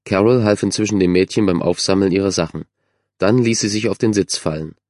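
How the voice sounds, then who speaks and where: A man giving scripted narration of a children's story in a measured, even way. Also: sits low, dry recording, clean studio sound. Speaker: audiobook narrator.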